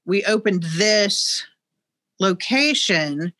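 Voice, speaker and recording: A middle-aged woman talks over a video call from inside a museum. Her voice is bright and sharp, and she comes across as knowledgeable but pauses with frequent ums. The sound is dry, with very little room. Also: medium pitch, animated, no room sound. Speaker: museum guide. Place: museum exhibit room, indoors. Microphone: video call, webcam.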